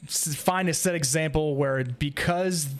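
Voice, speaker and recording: A podcast host leads a roundtable, casually working through discussion points with fellow fans. His male voice sits on the high side and he takes his time.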